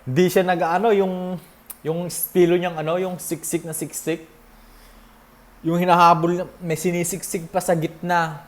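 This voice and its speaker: A young man hosting a casual fan reaction video, chatty and excitable, laughing often and breaking into whoops between self-deprecating asides. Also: high voice, measured pace.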